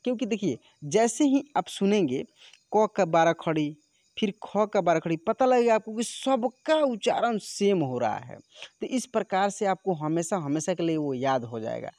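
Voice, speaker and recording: A man teaching a lesson, patiently explaining and then reciting syllables one by one, saying one softly and the next with force. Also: high voice, very animated, moderate pace, no room sound, studio quality. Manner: patient, repeats syllables with alternating soft and forceful stress.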